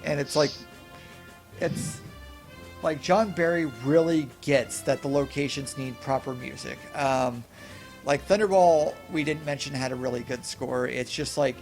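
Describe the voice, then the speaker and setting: A young man co-hosting a casual film podcast, rambling with restarts and animated asides. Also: medium pitch, creaky. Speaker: podcast co-host. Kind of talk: casual film review chat.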